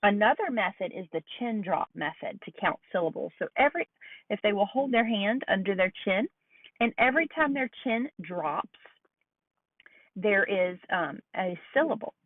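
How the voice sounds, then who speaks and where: A woman giving a recorded lecture on early reading skills, slowing down to model sounds and words carefully. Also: medium pitch, expressive, no room sound. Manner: slow, deliberate modeling of sounds. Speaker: teacher educator. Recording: dry, phone-like lo-fi audio.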